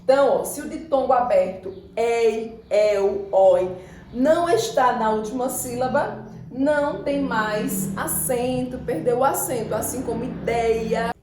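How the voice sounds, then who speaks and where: A woman teaching a Brazilian Portuguese grammar lesson for exam prep, repeating words slowly and breaking them into syllables. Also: fairly high pitch, a little mellow, roomy sound, poor audio.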